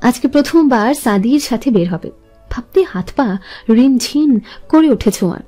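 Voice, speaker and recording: A woman narrates a romance in a smooth, steady reading voice. Her tone is high and mellow. Soft music plays under the narration. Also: normal speed. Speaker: storyteller.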